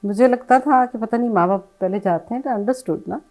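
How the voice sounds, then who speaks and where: A middle-aged woman answering interview questions in a soft, reflective way, often falling to a hush and slipping in English phrases. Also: on the high side, low-quality recording. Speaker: bereaved mother, interview guest.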